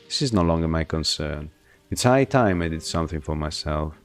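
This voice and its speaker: A man's voice: a bass voice, lively intonation, fairly quick, soft background music. A man voicing a bitter, proud young nobleman, the scornful eldest son, with a haughty, cutting delivery. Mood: cold.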